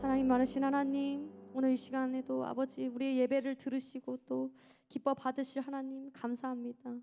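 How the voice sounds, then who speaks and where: A woman's voice: high-pitched, monotone, brisk, vocal fry. A woman leading fervent prayer between sung worship lines, with music playing underneath. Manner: fervent, rising from soft murmured prayer to loud sung pleading. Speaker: worship leader. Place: church sanctuary.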